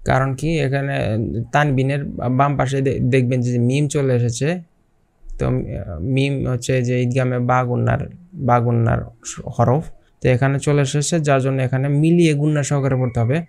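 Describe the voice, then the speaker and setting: A man teaching Quran recitation rules step by step, asking questions aloud and then reciting examples slowly, with frequent fillers and restarts. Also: medium pitch, level tone, gravelly, darkish tone. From Bangladesh. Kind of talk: step-by-step tajweed lesson.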